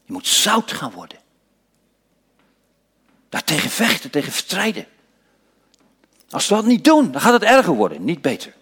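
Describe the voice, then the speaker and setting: A man preaching a sermon, dropping to hushed whispers and rising to loud, emphatic passages, slowing down to stress key phrases. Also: high voice, huge pitch swings, breathy edge. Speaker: pastor.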